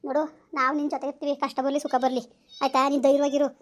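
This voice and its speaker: A middle-aged woman with a high voice who speaks very fast. She holds a flat tone, firm and soothing, and says the same reassurances over and over on the phone. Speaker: aunt on a phone call. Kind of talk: consoling phone talk.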